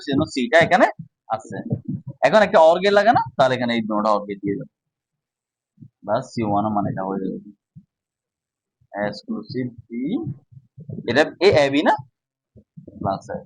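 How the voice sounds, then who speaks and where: A man teaches at a whiteboard, walking through each step and pausing to ask if students follow. His voice sits at an ordinary middle pitch. The sound is dry, with little room echo. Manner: explains step by step, often checking understanding. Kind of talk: casual whiteboard lesson.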